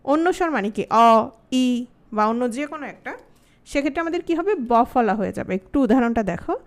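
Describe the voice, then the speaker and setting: A woman with a high voice and a Bangladeshi Bengali accent teaches an online grammar class. She asks the students many questions and says example words slowly, one by one, before she explains the rule. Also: animated.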